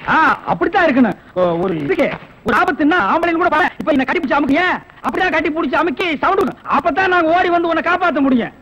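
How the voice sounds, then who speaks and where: A sarcastic, bossy comic. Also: male voice, very high voice, animated, fairly bright tone, faint music behind. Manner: sarcastic, scolding, quick comebacks. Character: sharp-tongued bossy middle-aged man, mocking his sidekick. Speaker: comic lead in a film scene. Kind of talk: 1980s Tamil film comedy dialogue. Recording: lo-fi old film soundtrack.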